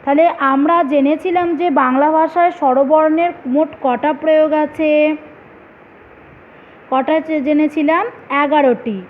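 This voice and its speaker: A woman's voice: sits high, fairly even intonation, unhurried. A woman teacher, patiently explaining a grammar lesson to young children step by step, with examples and questions. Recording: tinny phone-like audio with faint hiss.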